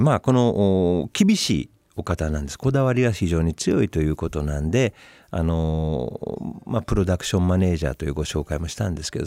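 A man's voice: sits low, no echo. A man hosting a radio column, talking casually about his work and acting out the voices of other people. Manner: animated, acts out directors' voices. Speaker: radio host and commercial director. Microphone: studio microphone.

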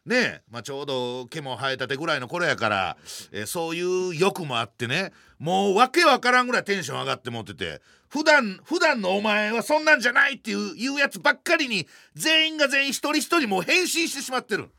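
A man in his forties with a Kansai accent, telling a funny story in a lively, self-mocking way. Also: high-pitched, a little fast, creaky, few pauses, dry recording, studio quality. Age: 40s. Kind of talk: comic storytelling chat.

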